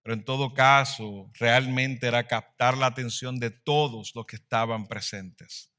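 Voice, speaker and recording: A man preaching a sermon as pastor, swelling louder and then dropping to a hush. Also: mid-range voice, fairly even intonation, measured pace.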